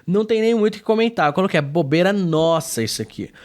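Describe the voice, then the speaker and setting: Slangy, emphatic Brazilian man teaching. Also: fast. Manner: informal, slangy, lots of filler tags; emphatic, lively pitch swings. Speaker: English teacher. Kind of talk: casual video lesson.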